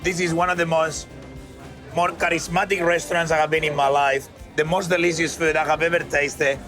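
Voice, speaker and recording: A man, a TV chef, giving a lively cooking demonstration and talking through each step. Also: fairly high pitch, a little fast. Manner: upbeat, animated, talks through each step. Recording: music playing behind.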